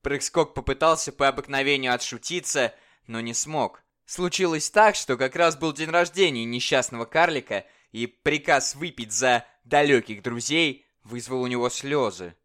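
A man reads a classic story aloud in dramatic audiobook narration. His voice is smooth and resonant at a middle pitch, and the reading stays measured and expressive.

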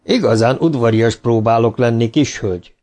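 A man voicing a burly, swaggering spaceship sailor in an audiobook, gruff and mocking. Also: mid-range voice, darkish tone, lightly acted.

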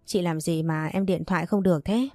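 A woman voicing a protective, excitable younger brother who presses with worried questions. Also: on the low side, a little fast, no room sound, studio quality, soft background music, lightly acted.

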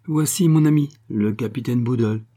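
A man's voice: mid-range voice, normal speed, mellow, pitched above the performer's own voice, lightly acted. A man voicing a nervous, flustered young army captain who pleads hesitantly.

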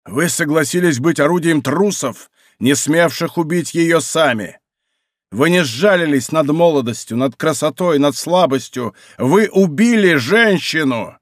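A man voicing a relentless, vengeful young man disguised as a monk, who interrogates coldly and then shouts accusations. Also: medium pitch, expressive, moderate pace, no room sound, studio quality, lightly acted. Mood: accusing. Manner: probing, then harsh and commanding.

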